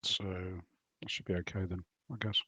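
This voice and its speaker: A man with a fairly low voice talks tactics casually in game voice chat. The sound is dry and close. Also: level tone, unhurried, pushed and bright, husky, dry recording. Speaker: player.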